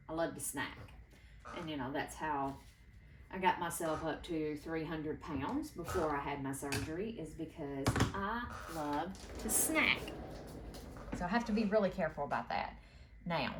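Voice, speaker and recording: A middle-aged woman with a deep voice hosts a quilting video, unhurriedly walking through a quilting block in her home sewing room. She chats folksily while she works in this casual sewing tutorial, against a noisy background.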